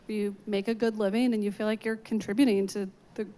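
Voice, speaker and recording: A young woman on a panel speaking in a relaxed, reassuring way into a handheld mic. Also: mid-range voice, quick pace. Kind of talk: panel discussion. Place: large atrium stage with audience.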